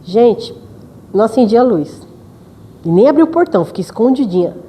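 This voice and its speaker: A Brazilian woman speaks quickly and with feeling, her voice set a little high and mellow in tone. She tells a personal story as a lecturer at a spiritist meeting, animated and emotional throughout. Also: a little hiss or hum, rough recording.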